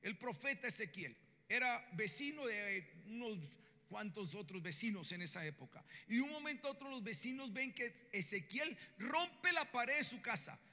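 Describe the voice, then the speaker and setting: A man preaching a sermon, telling Bible stories in an animated way and acting out the dialogue in voices. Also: high voice, moderate pace. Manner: animated storytelling, acts out biblical dialogue in voices. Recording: reverberant hall.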